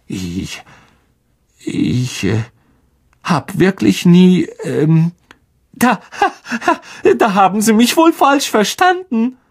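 A man's voice: high-pitched, drawn-out words, a little mellow, pitched above the performer's own voice, heavily acted. A man voicing a vain, cowardly male teacher who stammers, in an audiobook reading. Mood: flustered. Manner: stammering, flustered. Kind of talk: audiobook character voice.

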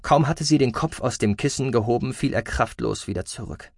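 A man narrating an audiobook in a calm, measured way. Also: mid-range voice, gravelly, no echo, clean studio sound. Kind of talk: scripted narration.

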